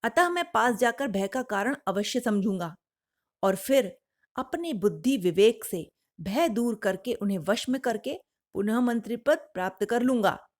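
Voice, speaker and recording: A woman's voice: on the high side, animated, measured pace. A woman voicing a clever, scheming male jackal courtier who speaks formally and persuasively. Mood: explaining.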